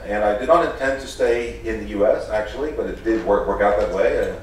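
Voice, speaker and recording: A middle-aged professor raised in the Netherlands delivers a formal lecture in a large hall with an audience, speaking earnestly but haltingly with frequent restarts. His lowish voice comes through a podium microphone, picked up from a distance in an echoey hall with a little hiss or hum.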